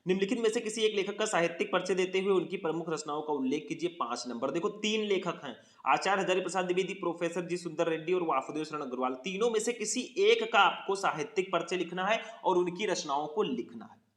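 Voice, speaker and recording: Higher-voiced male teacher, echoey room. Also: fast talker, hardly any pauses, a bit bright. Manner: explains verse line by line, often asks 'theek hai'; addresses students as 'bhaiya'. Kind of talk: exam paper walkthrough lesson.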